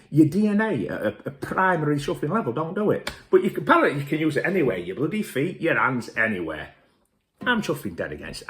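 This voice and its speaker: A man's voice: fairly high pitch, fairly bright tone. Boisterous sweary man ranting. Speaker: host. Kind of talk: comic rant to camera.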